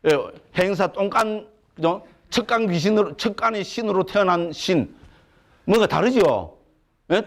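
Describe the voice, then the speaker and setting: Lively high-pitched monk lecturing. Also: male voice, vocal fry. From Gyeongsang, South Korea. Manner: keeps asking the class rhetorical questions; humorous, plain-spoken, lively. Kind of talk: Buddhist doctrine lecture to a class. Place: lecture hall at a Buddhist education center.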